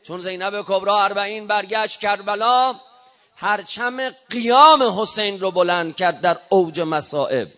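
A man's voice: sits high, a bit bright, muffled recording. A man preaching an emotional memorial sermon, his delivery swelling and falling. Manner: rising and falling emotional oratory.

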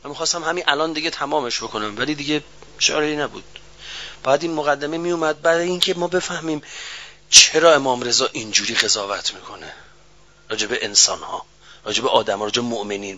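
A man preaching a sermon, dropping low and slow, then rising to loud, high-pitched shouting. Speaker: cleric preacher. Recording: dull, muffled recording.

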